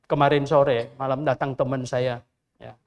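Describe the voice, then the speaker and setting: A man's voice: mid-range voice, flat delivery, normal speed, dull audio. An older man, a pastor, preaching a Sunday sermon in church in a conversational, storytelling way full of rhetorical questions. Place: church during a Sunday service.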